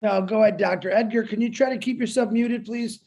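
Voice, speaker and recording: A woman hosting a video call, giving brisk, helpful instructions to a guest. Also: on the high side, creaky, warm tone. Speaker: meeting host.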